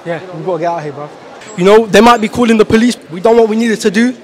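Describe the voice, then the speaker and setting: A man's voice: sits high, very fast, a little mellow. A man in his twenties with a London roadman accent, doing brash, slangy prank banter in a casual vlog style. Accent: London, urban roadman slang style. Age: 20s. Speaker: prank vlogger. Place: large clothing store and shopping centre.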